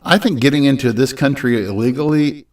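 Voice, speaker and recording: A man's voice: medium pitch, brisk, far from the mic. A man co-hosting a casual podcast, talking politics in a rambling, hesitant way full of restarts. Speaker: podcast co-host.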